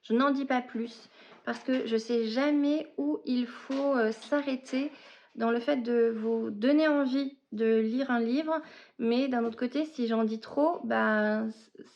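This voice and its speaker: A woman with a fairly high voice chats slowly and unhurriedly about her knitting and reading, pausing often to find her words. It sounds like a casual home podcast, and the recording is a little dull and lo-fi. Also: a little mellow. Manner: hesitant, often searching for words.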